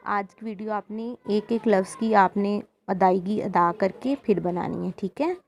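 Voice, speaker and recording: A woman with a Pakistani Urdu accent teaching a children's reading lesson, sounding out syllables slowly and repeating them. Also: mid-range voice, a little mellow. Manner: slow, drawn-out syllable drills for children.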